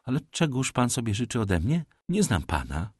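A man's voice: mid-range voice, big pitch swings, normal speed, husky, no echo, studio quality, voice pushed up. A man voicing a timid young woman in an audiobook, plainly pleading with her father. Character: young woman, anxious, obedient daughter. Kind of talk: audiobook character reading.

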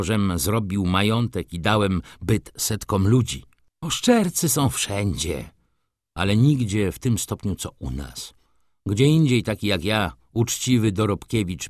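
A man's voice: lowish voice, no echo, clean studio sound. A man reading an audiobook, voicing a bitter, proud middle-aged male merchant who speaks indignantly and with emphasis.

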